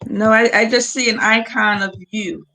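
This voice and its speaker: This rough recording captures a webinar host, a woman whose fairly high, sharp voice holds a steady tone at a moderate pace. She guides a guest through screen sharing on a video call during a casual live session, sounding patient, encouraging, and a bit hesitant.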